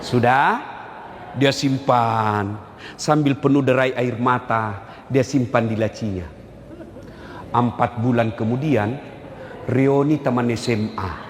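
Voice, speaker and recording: A man's voice: medium pitch, steady tone, takes it slowly, long pauses, in a large hall, a little hiss or hum. A man preaching a humorous sermon to a live congregation, teasing the crowd and acting out little scenes between husbands and wives. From Indonesia.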